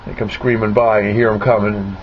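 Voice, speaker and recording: This is muffled, clearly noisy audio from a handheld camera's built-in mic, recorded indoors in a cluttered garage and radio room. A man with a lowish voice speaks fast and flatly, offering a casual, unscripted tour of his radio hobby equipment with jokey, self-mocking boasts.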